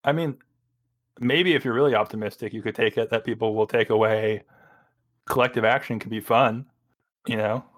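A man's voice: on the low side, fairly even intonation, moderate pace, pauses often. A man on a podcast panel, making dry, wry jokes and the odd swear in casual political talk.

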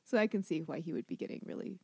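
A woman's voice: on the low side, rapid-fire, gravelly, slightly rough, no room sound. Easygoing woman podcast co-host. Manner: relaxed, agreeable, trails into filler phrases. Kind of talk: casual chat.

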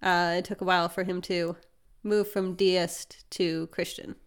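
A woman's voice: fairly low pitch, little pitch movement, a little slow, clean tone. Upbeat woman hosting a podcast. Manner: explanatory, upbeat, often laughs. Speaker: podcast host. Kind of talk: casual chat.

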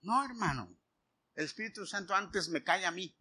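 A man's voice: sits high, moderate pace, husky. A middle-aged man, preaching a sermon as he tells a personal story and acts out the dialogue. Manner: animated storytelling, acting out dialogue.

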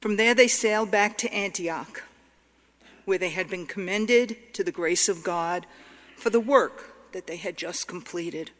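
A woman reading scripture aloud at a church service, formally and with deliberate, solemn phrasing. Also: lowish voice, fairly bright tone. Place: large church. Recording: long cathedral-like echo of large space.

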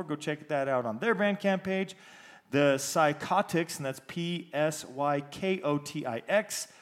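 A man hosting a podcast, reading out new music releases in an informal way and spelling out names, with a big room echo on his voice. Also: a little high. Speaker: podcast host. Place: echoey, stripped-out basement.

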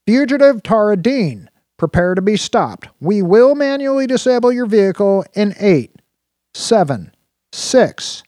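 A man voicing the automated voice of a police drone, heard through a car comm, mechanical and flat. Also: high voice, a little slow, no echo, studio quality, pitched above the performer's own voice. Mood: cold. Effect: comm feed.

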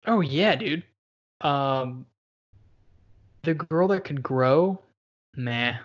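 Animated man in lo-fi casual chat. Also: on the high side, very slow. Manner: animated, laughs, acts out quotes from the show. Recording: dull lo-fi sound.

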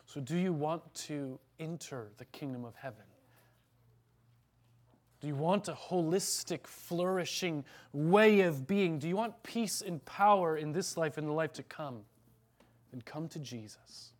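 A man's voice: on the high side, measured pace. A man preaching an earnest, emphatic sermon as pastor, then leading a prayer in church.

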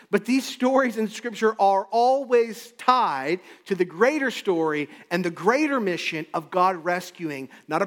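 Guy pastor preaching, kinda high voice, punchy repeated lines, big echoey hall. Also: a bit bright. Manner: emphatic, repetitive preaching cadence. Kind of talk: sermon.

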